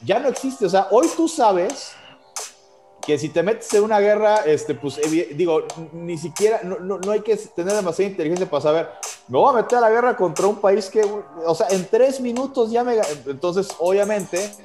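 A Mexican man argues his point while stumbling and restarting words as he goes. His voice sits a little high. Faint music plays behind him. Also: expressive, normal speed, a little mellow. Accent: Mexican Spanish. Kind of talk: casual debate.

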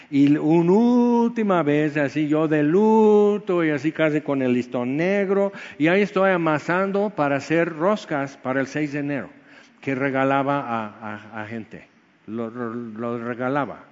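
A man preaching a sermon, telling a personal story with feeling and acting out voices. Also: a little high. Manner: storytelling, emotional, acts out quoted voices. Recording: dull sound with long hall reverb.

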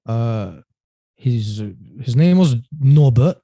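A man speaking as a podcast guest. He tells his story in a loose, rambling way and acts out past phone calls. His voice is mellow and warm, mid-pitched, and recorded dry and close. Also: expressive, drawn-out words, no room sound. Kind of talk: casual storytelling interview.

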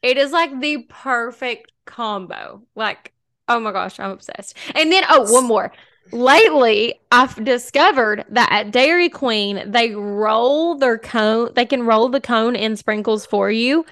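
Bubbly young woman, bright voice. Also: on the high side, unhurried, no room sound. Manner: bubbly, gushing, laughs often. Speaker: podcast co-host. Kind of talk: casual chat.

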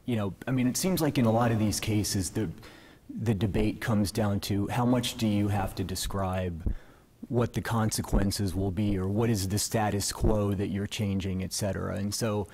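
A man's voice: lowish voice, steady tone, normal speed, a little mellow, slightly rough. A man speaking as a judge, putting probing questions in a conversational way, thinking aloud as he goes.

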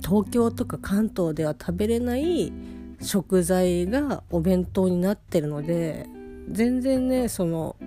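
A woman's voice: lowish voice, lively intonation, slow, mellow. A woman chatting casually and sleepily in a rambling audio diary, talking while lying down. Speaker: host of a personal audio diary. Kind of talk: casual monologue diary chat. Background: plucked guitar music.

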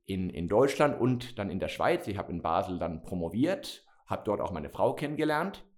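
A man's voice: low-pitched, very animated, moderate pace. A middle-aged man from Spain, a company CEO, answering interview questions with many fillers and restarts. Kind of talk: interview conversation.

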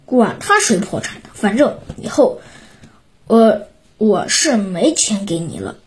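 A woman voicing a sad, worried father in a children's story, speaking slowly with hesitant fillers. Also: medium pitch, big pitch swings, husky, exaggerated voice. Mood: glum. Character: stern man, a worried father.

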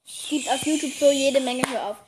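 A bossy, talkative girl of about eleven hosts a home podcast, her voice high and bright. She rattles on quickly and keeps scolding her younger sister. A faint hiss and small clicks sit under the recording. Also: steady tone. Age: child, about 10 to 11. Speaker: podcast host. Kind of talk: casual kids' podcast chat.

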